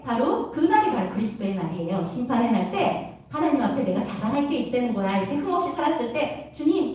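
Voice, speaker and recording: A young woman preaching a lively youth sermon, acting out quarrels and laughing often. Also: high-pitched. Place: church hall. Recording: echoey room, voice from far off.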